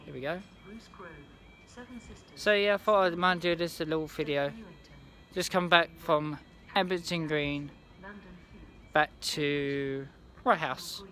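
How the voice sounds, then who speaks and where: A young man vlogging on a railway platform, talking in a halting, rambling way with many restarts, into a phone held at arm's length. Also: fairly high pitch, sharp tone. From England. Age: young adult. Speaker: trainspotting vlogger. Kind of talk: casual handheld vlog. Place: outdoor railway station platform.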